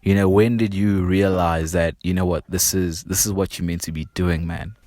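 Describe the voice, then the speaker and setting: A male podcast co-host with a very deep voice chats in easy, slangy banter, calling people "bro" and "dude". His questions ramble and loop back on themselves. The sound is close and dry, with no room around it. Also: fairly even intonation, moderate pace, darkish tone, dry recording. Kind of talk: casual podcast chat.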